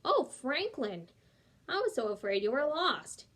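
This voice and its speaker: A woman reading aloud, voicing a calm, fearless mother turtle who speaks in a soothing, reassuring way. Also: high-pitched, measured pace, heavily acted. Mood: worried.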